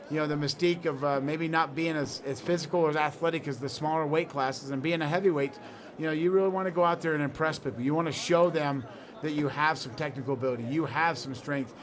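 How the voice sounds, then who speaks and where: A man giving wrestling color commentary at an outdoor event, halting and full of fillers like "you know". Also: fairly high pitch, fairly bright tone. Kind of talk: sports commentary.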